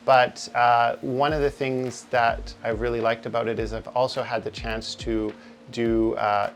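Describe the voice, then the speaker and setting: A man who is a front-end developer, talking hesitantly in an interview with many fillers. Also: mid-range voice. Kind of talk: interview talk.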